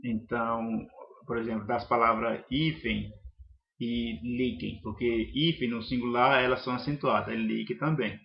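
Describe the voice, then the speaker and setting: A man's voice: mid-range voice, fairly even intonation, normal speed, vocal fry, fairly bright tone. A man teaching a grammar lesson, listing examples one by one in a methodical way with some hesitations.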